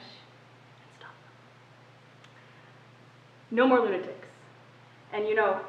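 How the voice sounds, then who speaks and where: A woman's voice: medium pitch, highs cut off, slight background noise, close to an everyday voice. A woman reading the part of a stern older man recruiting for a club, with intense, solemn delivery, recorded on a distant, echoey mic.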